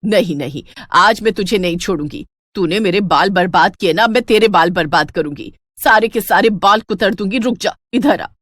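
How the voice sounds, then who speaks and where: A woman voicing a proud, jealous middle-aged mother-in-law in a cartoon story, scolding and shrill when angry. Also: normal speed, few pauses, fairly bright tone, no echo, clean studio sound, close to an everyday voice. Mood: furious.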